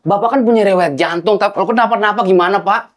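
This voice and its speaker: A man's voice: sits high, very fast. A young man playing a son-in-law who apologizes and pleads with his angry father-in-law in a film. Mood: pleading. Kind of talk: low-budget film acting.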